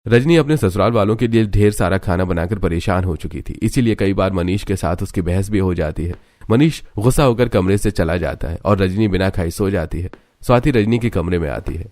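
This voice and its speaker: A man narrating a cartoon story in a steady, scripted way. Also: deep voice, fairly quick, no room sound.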